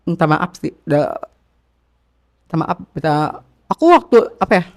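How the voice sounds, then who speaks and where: High-voiced guy from jakarta with a creaky gravelly edge, slangy casual confessional interview talk, keeps repeating himself. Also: sing-song, normal speed. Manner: rambling, repeats phrases, emotional; slangy informal speech. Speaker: interview guest.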